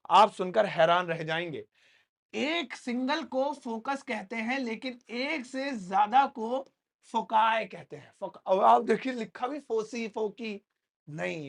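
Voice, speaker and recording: A man teaches a spoken English lesson in a classroom. His delivery is playful and lively, with joking asides to the students. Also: high-pitched, creaky.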